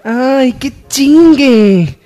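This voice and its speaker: A woman playing a caring, outspoken young character, expressive and colloquial, in radio soap opera acting. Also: sits high, drawn-out words, faint music behind, exaggerated voice. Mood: excited.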